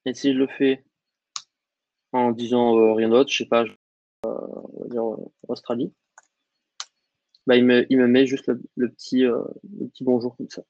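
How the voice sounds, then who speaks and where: A man teaching a coding lesson over a screen share, explaining in a relaxed way with lots of fillers. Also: medium pitch, normal speed, pauses often, dry recording, highs cut off. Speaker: coding instructor.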